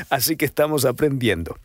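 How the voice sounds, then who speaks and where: Male voice coach, casual and demonstrative, average pitch, dry small room. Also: lively intonation, moderate pace, no echo. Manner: demonstrative, swings pitch and loudness on examples; chatty, self-deprecating. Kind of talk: casual voice-training lesson.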